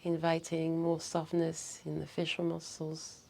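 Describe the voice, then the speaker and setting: Female breathwork guide: soft mellow tone, touch of vocal fry, unhurried soothing instructions, slight noise behind. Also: deep voice, monotone. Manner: soothing, unhurried guidance with short phrases.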